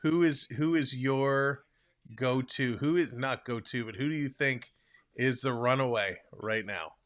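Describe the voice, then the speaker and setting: Speaking at a measured pace in a medium, slightly bright voice, a young man with a Toronto accent hosts a hockey livestream. He chats and rambles casually, reading out and replying to viewer comments.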